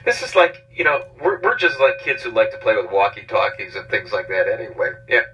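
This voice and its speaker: A man's voice: fairly low pitch, lively intonation, brisk, bright, forceful tone. A man hosting a radio talk show, speaking playfully through a megaphone with feedback. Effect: talking through a megaphone with feedback. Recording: distant, muffled megaphone voice over music.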